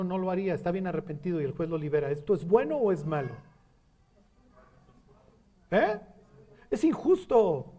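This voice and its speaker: A high-pitched, darkish voice belongs to a Mexican-accented preacher. He keeps his sermon conversational, frequently questioning the audience to make sure they follow.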